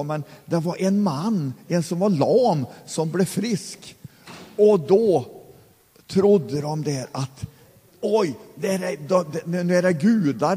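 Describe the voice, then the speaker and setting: A man leads an informal Bible study, reading verses aloud and then explaining them in a halting, stop-start way. His voice is fairly high for a man, yet mellow and slightly husky. The sound carries a long reverb, as if from a church hall. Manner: halting, many restarts, explains in plain words.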